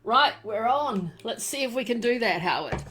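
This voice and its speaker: A woman with a New Zealand accent hosting a casual live stream from home, rambling warmly with many fillers and lots of "fabulous" and "beautiful". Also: fairly high pitch, expressive, moderate pace. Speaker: crystal and essential oil live-stream host. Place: home room. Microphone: desk microphone she turns around.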